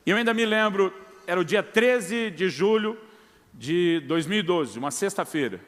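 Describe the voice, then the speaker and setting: A Brazilian man in middle age preaches with a notably high voice. He tells his own testimony, acts out each person's lines, and keeps calling his listeners brother. His voice carries a long reverb that fills the church hall. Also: animated, moderate pace, fairly bright tone. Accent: Brazilian Portuguese. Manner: storytelling, acts out quoted dialogue, addresses listeners as brother. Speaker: pastor. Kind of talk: sermon with testimony.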